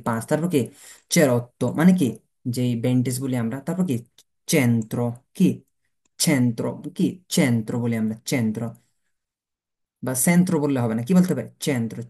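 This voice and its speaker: A man's voice: mid-range voice, warm tone. A man teaching a beginner language lesson, asking rhetorical questions and answering them himself, spelling words out letter by letter.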